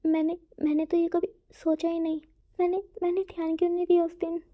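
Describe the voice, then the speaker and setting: Stammery hot-headed young guy who still cares a lot, a woman reading him out, high voice, muffled lo-fi sound. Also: flat delivery, a little fast. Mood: panicked. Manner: stammers and repeats words. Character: young man, quick-tempered but caring partner.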